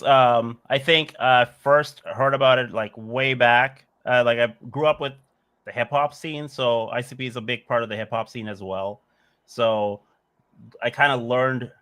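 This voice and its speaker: A Bangladeshi musician in his forties answers interview questions thoughtfully, meandering and often saying "like" and "uh." His voice is medium in pitch with a fairly bright tone.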